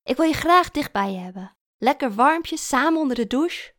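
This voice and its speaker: A woman's voice: sits high, animated, normal speed, fairly bright tone, no echo, clean studio sound, pitched above the performer's own voice. A woman voicing an awkward, insistent young boyfriend. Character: young man, awkward boyfriend, barely holding his temper.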